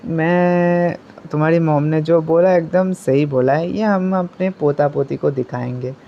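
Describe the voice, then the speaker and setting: A man's voice: on the high side, steady tone, unhurried, gravelly, a little hiss or hum. A man voicing a middle-aged mother who talks in a knowing, indulgent way. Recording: muffled lo-fi recording.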